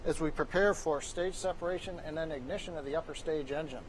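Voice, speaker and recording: A man with a fairly high voice commentates live on a launch. He explains things in technical terms as a webcast host. Clear background noise runs under his voice. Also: fast, rough recording.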